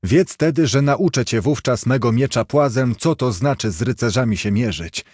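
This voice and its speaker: A man's voice: medium pitch, expressive, unhurried, darkish tone, no echo, studio quality. A man voicing a proud, angry veteran knight who speaks scornfully in an audiobook story. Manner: scornful, threatening.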